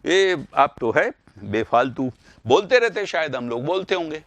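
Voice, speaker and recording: A man's voice: on the high side, a little slow, no room sound. Hindi grammar guy teaching a live class, voice jumps all over, dry close sound. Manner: animated, rising sharply when correcting; addresses viewers by name, repeats words.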